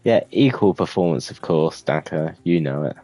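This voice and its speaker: A man casually commentating his own racing management game, relaxed and rambling with many fillers. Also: low-pitched, normal speed, no room sound, faint music behind. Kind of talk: casual let's-play commentary.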